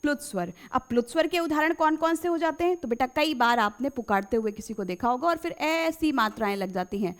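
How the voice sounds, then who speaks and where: A woman's voice: high voice, lively intonation, a little fast, few pauses. A woman teacher giving an exam-prep grammar lesson, repeating key phrases and quizzing her pupils, whom she fondly calls children.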